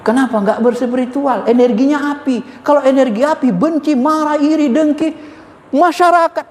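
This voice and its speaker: A man giving an informal Islamic spiritual lecture, emphatic and animated, repeating key words and addressing his listeners directly. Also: very high voice, normal speed. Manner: addresses listeners as "Pak", chuckles. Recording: echoey hall with faint ambience.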